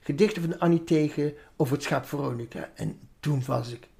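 Woman illustrator, reflective interview talk, lowish voice. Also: a little fast, gravelly, dark tone. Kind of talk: interview conversation.

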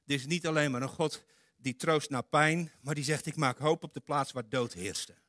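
A man preaching a sermon, animated, acting out quoted speech and swinging between loud and hushed delivery. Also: on the high side, moderate pace, dry recording, clean studio sound. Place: church.

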